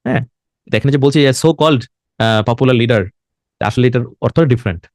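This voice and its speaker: A man's voice: mid-range voice, a little mellow, no echo. Bangladeshi man teaching in a dry room. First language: Bengali. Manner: explains slowly, says words in English inside Bengali talk; writes on a board while talking. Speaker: IELTS teacher. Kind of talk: online lesson.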